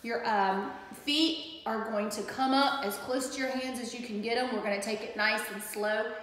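A woman's voice: a little high, steady tone, normal speed, a bit bright, very echoey, in a large hall, slight background noise, low-quality recording. A woman PE teacher leading an exercise lesson, upbeat and counting reps aloud, a little out of breath. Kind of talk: exercise instruction video.

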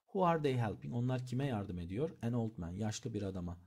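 Husky, lively man teaching English. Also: medium pitch, brisk. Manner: reads example sentences aloud, then translates each. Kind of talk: bilingual language lesson.

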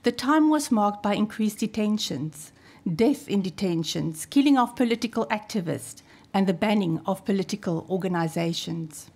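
A South African archivist in her fifties, a first-language Afrikaans speaker, reads a prepared lecture from a podium in a measured, formal style, stressing key phrases. Her mid-range voice is darkish and breathy-edged with lively intonation, picked up by a podium mic in a wood-panelled hall.

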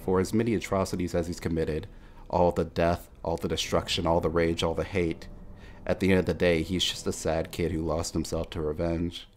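A man delivering scripted video essay narration in a measured storytelling manner, with music behind him. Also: sits low, flat delivery.

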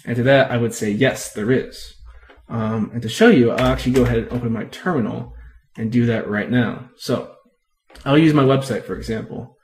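A man talks through a coding tutorial in a loose, unscripted way, stopping to fix his wording and filling pauses with ums. His voice sits at an ordinary middle pitch for a man. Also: a little mellow. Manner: rambling, self-correcting, many ums. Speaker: tech video host. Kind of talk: casual screen-recorded tutorial.

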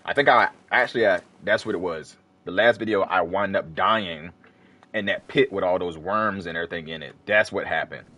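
A gamer playing through a video game gives casual let's play commentary, rambling and correcting himself as he talks to the screen. His low voice is fairly quick, pushed and bright.

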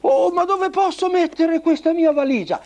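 A man voicing a kindly, bewildered old grandfather in a children's puppet show, squeaky and exclaiming. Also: moderate pace, a little mellow. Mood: eager. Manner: effusive, exclaiming. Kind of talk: puppet theatre storytelling for children.

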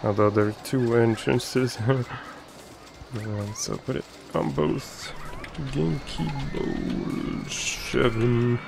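A man's voice: mid-range voice, steady tone, extremely slow, gravelly, background noise. A man giving casual commentary while playing a building game, muttering to himself as he works. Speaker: let's play gamer. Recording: game music behind the voice.

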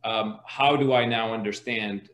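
A man's voice: fairly low pitch, steady tone, a little slow, a bit bright. A man from Palestine speaking hesitantly, with many fillers and restarts, as a panelist in an online discussion from home. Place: home, video call. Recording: roomy video call audio.

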